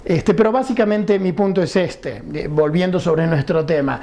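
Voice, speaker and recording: A man's voice: sits high, normal speed, dark tone. A man giving a recorded English lesson, explaining patiently and often checking that students follow. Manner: patient, explanatory, asks rhetorical questions and checks understanding. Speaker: English teacher.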